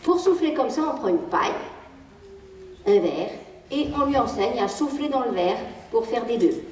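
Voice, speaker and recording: A woman with a French accent gives a live talk on stage in a playful, animated way, her voice rising and falling widely. She sits a little high for a woman. She is heard from some distance across a large hall with a long, roomy echo. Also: normal speed. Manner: lively, playful, acts out quoted lines, laughs often. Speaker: speaker giving a public lecture on child emotions. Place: lecture hall with audience. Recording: echoey hall, distant mic.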